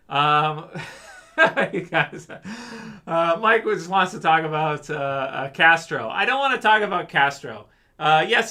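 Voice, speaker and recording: This livestream host from Canada has a fairly high, bright voice and a forceful tone. He chats casually, wanders off on tangents with jokes, and responds to his chat as he goes.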